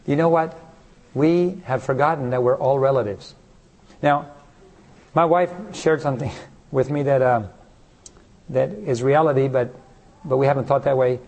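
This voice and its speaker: A man's voice: medium pitch, steady tone, normal speed, long pauses, darkish tone, lo-fi sound. A man preaching a sermon who keeps asking the congregation rhetorical questions and briefly acts out the people in his stories. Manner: acts out short voices in stories.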